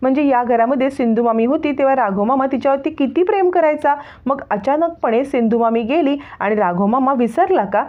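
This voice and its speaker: A woman voicing a rude, defiant teenage girl who fires off sharp questions, in a retold serial story. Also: high-pitched, pitched above the performer's own voice, natural voice. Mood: indignant. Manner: sharp, quick-fire questioning. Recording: tinny phone-like sound.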